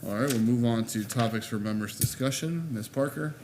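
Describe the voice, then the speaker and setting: A man chairing a city board meeting, relaxed and joking between the formal steps. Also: mid-range voice, fairly quick. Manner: relaxed, jokes between procedure. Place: city council chamber. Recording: noisy meeting room audio.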